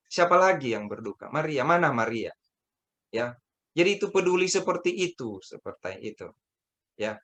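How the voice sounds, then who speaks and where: A man's voice: on the high side, fairly bright tone. A man preaching a Sunday sermon over a video call, retelling a scripture story in casual talk and acting out its voices. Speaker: pastor.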